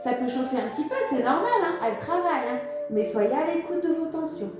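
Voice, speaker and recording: High-voiced woman guiding a pilates class. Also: fairly quick. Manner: calm, encouraging, counts breaths aloud with casual fillers. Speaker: pilates instructor. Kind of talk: guided exercise class. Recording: echoey room with music behind.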